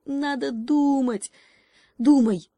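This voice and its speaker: A woman's voice: high voice, steady tone, slow, mellow, no room sound, pitched above the performer's own voice. A woman voicing a small, eager male froglet who leads his friends in a storybook.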